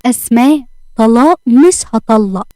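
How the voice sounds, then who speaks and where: A woman's voice: a little high, animated, moderate pace, warm tone, no echo, studio quality, natural voice. A woman voicing a harsh husband who refuses a divorce, speaking with an Egyptian accent in a cold, threatening way. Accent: Egyptian Arabic.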